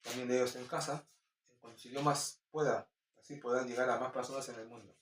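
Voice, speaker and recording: A man with a Peruvian Spanish accent, slowly reading Bible verses and commenting on them informally, with halting restarts. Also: medium pitch, fairly even intonation, a little hiss or hum. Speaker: Bible teacher. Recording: roomy echo, distant mic.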